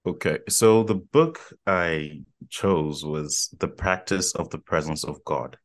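A man's voice: extremely low pitch, slow pace. A man from Ghana, a guest on a podcast, speaking thoughtfully and repeating words as he builds his points. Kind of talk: casual podcast conversation.

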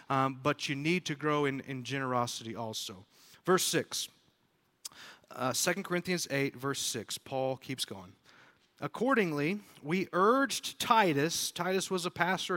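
A man preaching a sermon as pastor, talking conversationally with frequent fillers and restarts, and growing animated when he acts out quotes. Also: on the high side.

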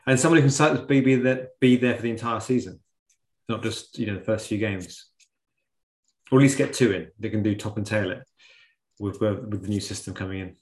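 A man co-hosting a casual sports discussion, conversational, often reworking his phrases as he goes. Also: lowish voice. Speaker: podcast co-host. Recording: roomy, echoing sound.

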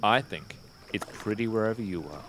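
A man's voice: fairly low pitch, a little fast, fairly bright tone, a little hiss or hum, close to an everyday voice, rough recording. A man playing a joking, tipsy teenage boyfriend in a radio drama.

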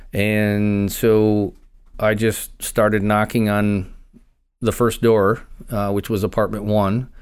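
A man, a former county investigator, recounting a personal story in an interview with measured pauses. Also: lowish voice, a little mellow, clean tone.

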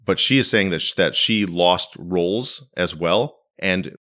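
A man's voice: low voice, a little slow, pushed and bright. A man hosting a podcast in casual, wry conversational commentary, recorded in a living room. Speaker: podcast host. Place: living room used as a home studio.

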